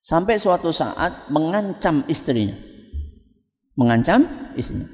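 A man's voice: fairly high pitch, a little slow, long reverb tail. A man preaching a sermon, telling stories and asking the audience questions. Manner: storytelling, animated, asks the audience questions. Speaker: Islamic preacher. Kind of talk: sermon with call-and-response.

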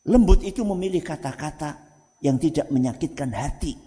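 A man with a Javanese accent, an ustaz giving an animated religious talk to parents, often asking the audience rhetorical questions. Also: a little high, moderate pace. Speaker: ustaz, Islamic preacher. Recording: reverberant hall.

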